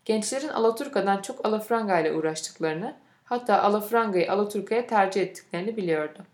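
Female narrator, mid pitch, measured audiobook read, roomy echo.

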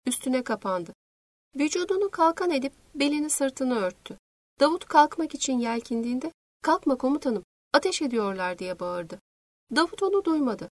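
A woman reading a novel aloud in measured, scripted narration. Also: high voice, big pitch swings, dry recording. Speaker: audiobook narrator.

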